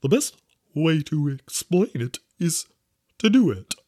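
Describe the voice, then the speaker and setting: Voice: medium pitch, big pitch swings, slow pace, dark tone, no echo, studio quality. A reader voicing a solemn, easily offended dodo who stammers heavily and repeats syllables. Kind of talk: storybook reading with voices.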